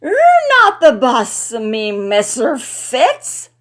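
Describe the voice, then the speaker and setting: A woman's voice: on the high side, sing-song, slow, fairly bright tone, heavily acted. A woman voicing a tipsy young woman who slurs and giggles, defiant and playful. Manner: slurred, giggling.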